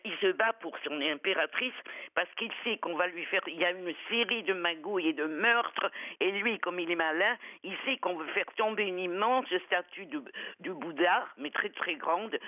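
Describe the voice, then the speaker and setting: A woman's voice: lowish voice, no echo, lo-fi sound. A woman film critic giving blunt, irreverent reviews on a radio talk show, with salty language.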